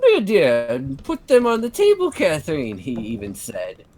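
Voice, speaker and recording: A performer voicing a prim young woman who is bitter and stewing in a foul mood, with low, clipped, sneering delivery in an amateur voiced story reading. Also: wildly swooping pitch, unhurried, a little mellow. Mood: indignant.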